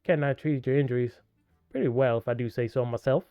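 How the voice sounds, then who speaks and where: A man reading a gentle young woman friend. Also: mid-range voice, fast, clear, resonant tone, dry recording, lo-fi sound, soft background music, close to an everyday voice. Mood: caring. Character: caring young woman friend who patches him up.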